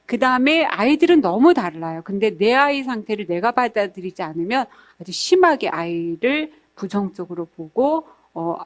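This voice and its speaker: A woman's voice: medium pitch, moderate pace, hardly any pauses. A middle-aged woman giving a parenting lecture, earnest and explanatory, repeating words for emphasis and acting out parents' and children's voices. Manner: acts out parents' and toddlers' voices in lively quotes.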